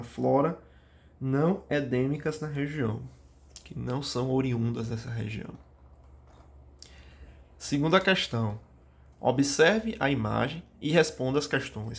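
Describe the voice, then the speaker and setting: A man's voice: medium pitch, creaky. A man with a Brazilian Portuguese accent, teaching a recorded geography review class. He reads each question aloud and then answers it, calling out to his students and stumbling into small restarts. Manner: frequent fillers and restarts.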